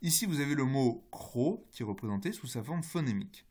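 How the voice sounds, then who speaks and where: A man's voice: mid-range voice, expressive, fairly quick, a little mellow, breathy edge. Man, French accent, university lecturer, explanatory, talks to students. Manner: explanatory, addresses students directly.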